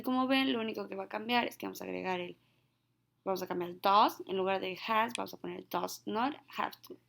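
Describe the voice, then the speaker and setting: Woman, gravelly English teacher; slows down for example sentences in a recorded lesson. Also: medium pitch.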